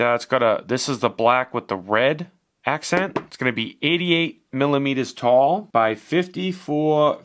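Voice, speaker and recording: A man's voice: mid-range voice, a bit bright, smooth. A man giving a casual, chatty product review as he unboxes and shows a device, swearing now and then.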